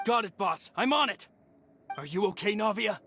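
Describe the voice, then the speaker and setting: A high-voiced, loyal young henchman. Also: expressive, normal speed, sharp tone, heavily acted. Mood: dutiful. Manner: urgent, emphatic. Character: loyal, urgent young henchman devoted to his boss. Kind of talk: video game voice acting. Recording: game music behind the voice.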